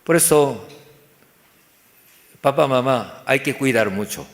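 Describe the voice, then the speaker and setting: A man's voice: medium pitch, lively intonation, takes it slowly, long reverb tail. A man preaching a sermon in simple, broken phrases, asking rhetorical questions and acting out little dialogues. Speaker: pastor. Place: church.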